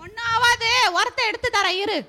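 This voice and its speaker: A woman's voice: very high-pitched, steady tone, moderate pace, bright, forceful tone. A woman playing a bossy, know-it-all old village grandmother who acts as the local healer, in an amateur role play. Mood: scolding.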